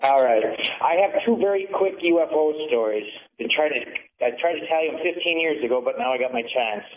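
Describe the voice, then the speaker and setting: A man from Michigan calling into a radio show, telling a story in a halting way with many restarts over a tinny phone line. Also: fairly high pitch, expressive. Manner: halting, restarts mid-sentence. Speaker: caller. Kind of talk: casual call-in storytelling. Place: empty conference room. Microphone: smartphone speakerphone. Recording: tinny distant speakerphone call.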